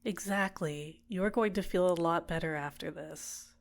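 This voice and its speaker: In an intimate ASMR roleplay, a woman plays a manipulative villainess, soothing her captive with possessive tenderness and gentle coaxing. Her low, gravelly voice stays soft and deliberate.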